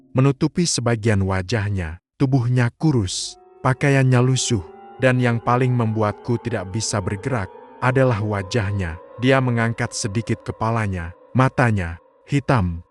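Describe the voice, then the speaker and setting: A man, narrating a scripted horror story in a slow, hushed, suspenseful way. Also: medium pitch. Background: faint music.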